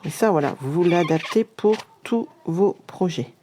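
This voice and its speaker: A woman with a Marne French accent leads a live craft tutorial, chatting along as she works and speaking straight to her viewers. Her voice sits a little low and sounds warm and mellow. There is a faint hiss behind her. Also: lively intonation, unhurried. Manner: chatty, often talks straight to the viewers with "regardez" and "hein".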